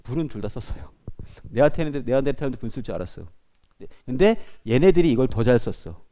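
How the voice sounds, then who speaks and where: A man's voice: mid-range voice, fast. A man teaching a class, lecturing to students and often checking in with them. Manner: animated, addresses students directly with frequent checks.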